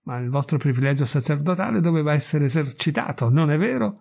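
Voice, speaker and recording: A man's voice: on the high side, lively intonation, fast talker, creaky. A man doing a possessive, angry frontier man. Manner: forceful, possessive.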